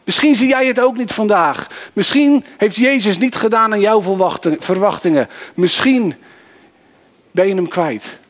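A man's voice: high-pitched, moderate pace, voice pushed up, natural voice. A man voicing a disciple who tells his own story in first person, in a dramatic monologue within a sermon. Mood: earnest. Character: grieving male disciple on the road, adult.

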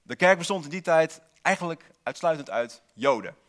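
A man's voice: on the high side, lively intonation, moderate pace, fairly bright tone. A man preaching a sermon in a church, posing rhetorical questions and repeating single key words for emphasis, with dry asides to the congregation.

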